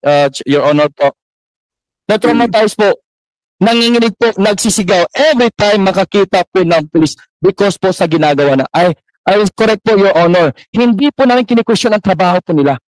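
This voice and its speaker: A man's voice: sits high, lively intonation, brisk, dry recording, rough recording. A man, a church minister, giving impassioned, deferential testimony at a formal public hearing. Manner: impassioned, deferential, heavy use of polite particles.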